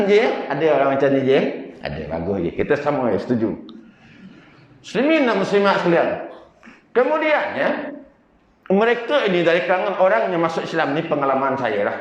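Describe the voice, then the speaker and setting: A male preacher from Sarawak whose first language is Bidayuh gives a humorous mosque lecture with lively storytelling and jokey asides. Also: mid-range voice. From Sarawak, Malaysia. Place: mosque hall. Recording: echoey dull lo-fi mosque sound.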